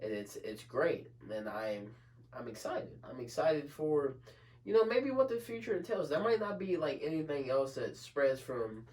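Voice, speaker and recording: A young man co-hosting a podcast, chatting about TV shows in a casual, excitable way, often repeating himself. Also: normal speed, far from the mic. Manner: excitable, repeats himself, swings loud and high. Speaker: podcast co-host. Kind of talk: casual chat.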